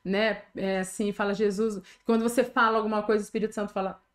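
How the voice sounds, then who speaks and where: A middle-aged woman pastor from Brazil with a Brazilian Portuguese accent, speaking at a medium pitch. She gives a heartfelt testimony in an earnest, chatty podcast way. She keeps checking in with her listener through tag questions. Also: level tone, fast talker. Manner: earnest, tags sentences with "né". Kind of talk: conversational testimony.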